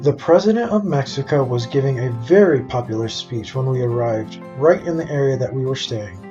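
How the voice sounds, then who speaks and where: A man's voice: mid-range voice, lively intonation, fairly quick. A man narrating a travel vlog in a casual recap style. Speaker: travel vlogger. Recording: dull lo-fi sound under music.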